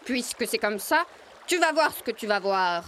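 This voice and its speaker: A woman's voice: sits high, big pitch swings, a little slow, sharp tone, a little hiss or hum, exaggerated voice. A woman voicing a proud, stubborn and bossy male rooster in a children's storybook recording. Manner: pompous, commanding. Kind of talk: storybook acting.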